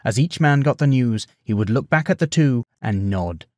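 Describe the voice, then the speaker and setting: Expressive male storyteller, dry sound. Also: medium pitch, moderate pace, dry recording. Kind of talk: bedtime story narration.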